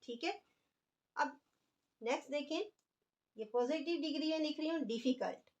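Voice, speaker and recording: A woman's voice: high voice, normal speed, a little mellow. A woman teaching an English grammar lesson, explaining patiently and stretching out example words as she writes them.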